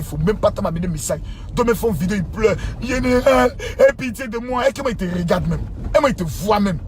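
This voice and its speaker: High-voiced man preaching a scolding rant. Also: a little hiss or hum. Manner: scolding, repetitive, swings from low mutter to shouting. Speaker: pastor. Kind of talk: impassioned preaching rant to followers.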